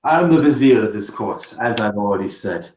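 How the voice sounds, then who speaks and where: A man's voice: fairly low pitch, animated, brisk, roomy sound, noisy background, natural voice. A man voicing an anxious, scheming male court vizier who pleads and stammers. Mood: relieved.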